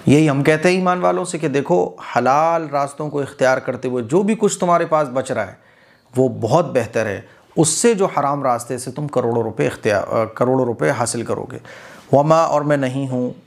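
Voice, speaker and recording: A man's voice: mid-range voice, normal speed, vocal fry. A man giving a religious lesson, explaining patiently phrase by phrase and asking rhetorical questions. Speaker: Quran teacher.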